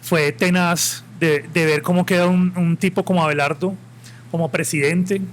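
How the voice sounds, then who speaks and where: A guest at a live podcast event with an audience, this man from Colombia's Caribbean coast in Santa Marta talks at normal speed in a high-pitched voice with fairly even intonation. His accent is Caribbean Colombian, and his manner is fervent, opinionated and rambling.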